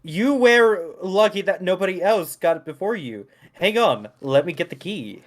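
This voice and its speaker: A man playing an old pony shopkeeper who speaks in slow, cryptic warnings. The voice sits high and wanders across a wide range. It is an old man voice put on for a podcast fan-fiction reading. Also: lively intonation. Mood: helpful. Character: elderly male pony shopkeeper, mysterious. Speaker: podcast co-host reading a part.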